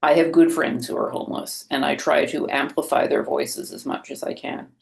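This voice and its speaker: Over a video call in a webinar conversation, a woman who is an Anglican priest tells stories candidly, wryly, and with a self-deprecating edge, laughing often. Her voice is low-pitched, creaky, and darkish in tone, with a level delivery at a moderate pace.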